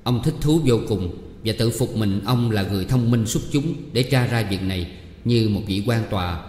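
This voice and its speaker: A man narrating a story in a steady storytelling manner, in an echoey hall. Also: on the low side, normal speed, a little hiss or hum.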